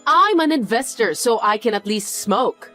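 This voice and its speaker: A woman's voice: fairly high pitch, expressive, normal speed, fairly bright tone, faint music behind. A woman voicing a sneering rich snob. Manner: sneering, condescending. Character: snobbish rich woman, mocking and boastful. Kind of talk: dubbed drama dialogue.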